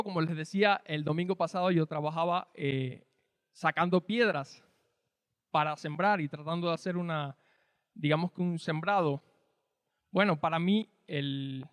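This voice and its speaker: A man's voice: high-pitched, clean tone, dry recording, big-room sound. A man from Cuba with a Cuban Spanish accent, preaching a sermon in an explanatory, conversational way with rhetorical questions. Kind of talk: sermon teaching.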